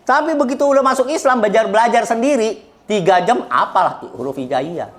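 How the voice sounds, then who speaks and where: Speaking fairly quickly in a high, expressive voice, this middle-aged guest from Indonesia shares his story in a casual conversation. He's blunt and preachy yet jokes around and laughs frequently.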